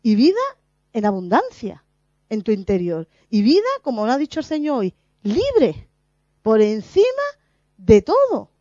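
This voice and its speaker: A woman giving a lively spiritual testimony, laughing often and acting out her own past words. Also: a little high, unhurried, no room sound. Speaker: lay preacher. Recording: dull, muffled dry recording.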